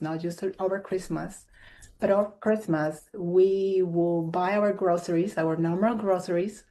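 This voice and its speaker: A woman's voice: fairly low pitch, dark tone. A woman from Colombia sharing a personal story as a guest on a video call, speaking earnestly and fluently. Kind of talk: personal sharing on a live show.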